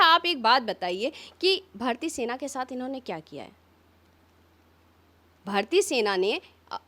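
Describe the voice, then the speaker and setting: Fiery high-voiced woman politician. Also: fairly bright tone. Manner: fiery, rapid rhetorical questions. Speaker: opposition politician. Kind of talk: impassioned press interview.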